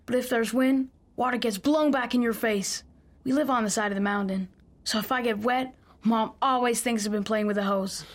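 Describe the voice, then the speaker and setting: A woman's voice: a little high, moderate pace, close to an everyday voice. A woman voicing a polite, eager young boy who asks one earnest question after another.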